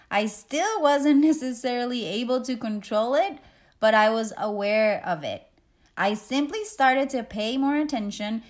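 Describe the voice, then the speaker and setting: Slow, gentle woman guiding meditation. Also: on the high side. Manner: slow, gentle, reflective delivery with guiding pauses. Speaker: yoga and meditation teacher. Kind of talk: guided meditation talk.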